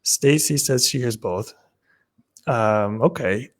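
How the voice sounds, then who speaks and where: A man's voice: medium pitch, slow. Upbeat male webinar host. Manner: upbeat, chatty, addresses audience. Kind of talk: live webinar hosting. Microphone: video call.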